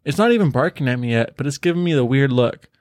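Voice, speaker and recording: A man's voice: medium pitch, lively intonation, fast, a little mellow, a little hiss or hum. Swearing man telling casual stories. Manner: loose storytelling, swears, acts out quoted voices. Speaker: podcast co-host. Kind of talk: casual chat over beers.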